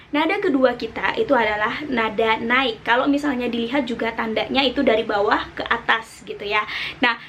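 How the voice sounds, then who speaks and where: A woman's voice: a little high, fairly bright tone, slight background noise. A young woman with an Indonesian accent, giving a casual online Mandarin lesson and drawing out syllables to show the tones. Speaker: Mandarin teacher.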